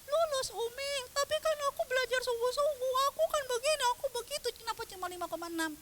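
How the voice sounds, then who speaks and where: Crying teenage daughter, shrill and pleading, a woman acting her out. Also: quick pace, fairly bright tone, slight background noise. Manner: sobbing, pleading, high-pitched outbursts. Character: tearful teenage daughter wailing over exam grades.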